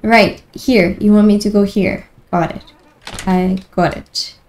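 A woman's voice: mid-range voice, steady tone, slow pace, a little mellow. A woman streamer giving casual commentary while playing a horror game, easily startled and talking to herself. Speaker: gameplay streamer.

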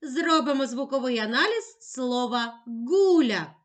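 A woman teaching a slow, clearly articulated literacy lesson to young children in a gentle, sing-song manner. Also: high voice, expressive. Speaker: primary school teacher.

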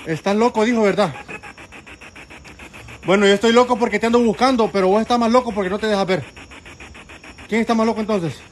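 High-voiced Honduran man calling out to spirits. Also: fairly quick, long pauses, a little hiss or hum. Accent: Honduran Spanish. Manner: urgent, calls out to spirits and chat. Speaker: paranormal livestream host. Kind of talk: live ghost-hunting stream. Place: cemetery at night, outdoors.

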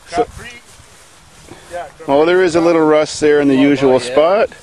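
A man's voice: on the high side, a little slow, a crowd in the background, poor audio. A man hosting a hands-on car vlog, giving folksy, joking running commentary outdoors in a grassy farm field on a handheld camera mic. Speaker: car channel host. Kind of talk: casual hands-on vlog narration. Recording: camera audio with steady background noise.

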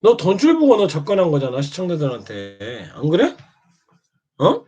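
Needling high-voiced man, scolding. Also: wildly swooping pitch, moderate pace, dark tone, breathy edge. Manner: needling, keeps prodding with "eh?"; scolding, mocking. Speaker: streamer. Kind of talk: taunting monologue at another streamer. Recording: dull lo-fi sound.

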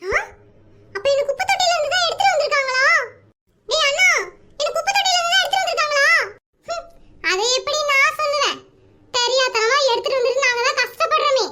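A woman's voice: extremely high pitch, quick pace, sharp tone. A woman voicing a whiny, cheeky young boy in a cartoon. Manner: whining, cheeky, giggly.

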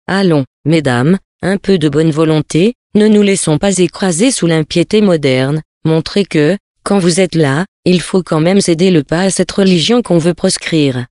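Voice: medium pitch, moderate pace, hardly any pauses, a little mellow, no room sound, clean studio sound, close to an everyday voice. A reader voicing a gracious bishop exhorting ladies of a parish league, in a storybook reading.

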